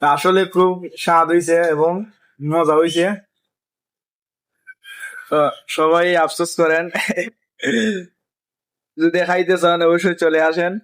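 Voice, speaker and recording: A man's voice: a little high, flat delivery, takes it slowly, long pauses, fairly bright tone, clean tone, no echo. A man, casually commenting to viewers as a friend cooks, teasing and laughing often. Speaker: vlogger filming a friend cooking.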